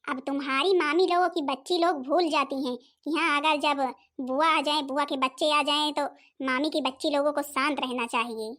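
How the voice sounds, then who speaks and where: Very high voice, fretful elder sister-in-law, cartoon, chattering, a woman doing her. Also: fairly even intonation, moderate pace, a bit bright. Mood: fretting. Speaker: narrator figure addressing viewers. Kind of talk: Hindi cartoon voice acting.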